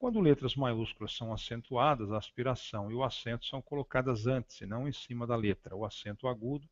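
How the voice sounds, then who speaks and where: A man teaching a grammar lesson, reading slowly and deliberately from slides with frequent hesitations. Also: mid-range voice. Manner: slow, deliberate, spelling out words with frequent hesitations. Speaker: Greek teacher. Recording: dull lo-fi recording.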